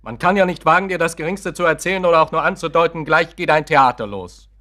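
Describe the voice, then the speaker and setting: An actor playing an irritable, defensive grown son in a radio play, curt and tense under strain. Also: male voice, a little high, quick pace, pushed and bright. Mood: irritated.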